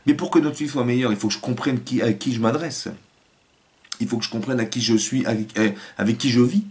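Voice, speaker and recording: A man, a rabbi, giving a Torah lecture in an animated way, acting out family voices and restarting his phrases often. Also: medium pitch, brisk.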